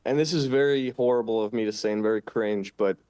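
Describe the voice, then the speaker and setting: A man's voice: lowish voice, quick pace, darkish tone, clean tone. Podcast co-host, man, casual, earnest, a rambler who trips over his words.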